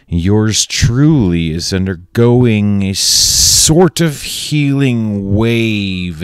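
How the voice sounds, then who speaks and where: A man hosting a motivational video, swearing freely and swinging between whispered asides and loud bursts. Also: on the low side, no room sound. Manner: unhurried, drawn-out delivery. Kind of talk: profane motivational monologue.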